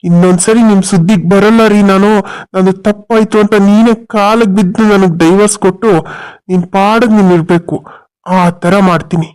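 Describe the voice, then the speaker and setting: A man's voice: high voice, steady tone, fairly quick, darkish tone, clean tone. A man voicing the men in a cartoon drama, gloating and scheming. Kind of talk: cartoon story voice acting.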